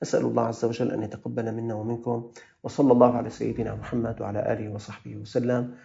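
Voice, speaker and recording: A man's voice: mid-range voice, flat delivery, very fast, gravelly, mellow, lo-fi sound. A man with a Levantine Arabic accent, a religious scholar answering listeners' questions with earnest, fatherly advice.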